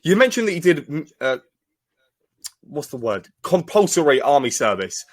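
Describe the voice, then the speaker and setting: A podcast host with a fairly high, sing-song voice speaks at a normal speed. He introduces his guest upbeatly and asks her interview questions.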